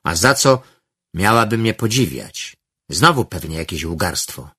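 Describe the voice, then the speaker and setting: A man voicing a touchy, boastful teenage boy in a read-aloud story, teasing and quick to take offense. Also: sits low, very animated, pushed and bright, slightly rough, no echo, full character voice. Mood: grumbling. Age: about 13.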